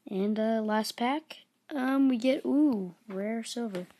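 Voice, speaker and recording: A woman talking in a low, hushed, unhurried late-night voice, giving casual commentary as a gaming video host.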